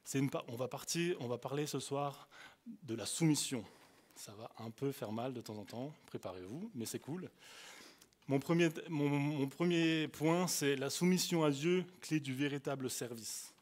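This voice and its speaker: A young man with an Alsatian accent, preaching a sermon as a youth preacher. He tells stories animatedly, swinging between loud bursts and hushed asides. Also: mid-range voice, normal speed. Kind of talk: storytelling sermon.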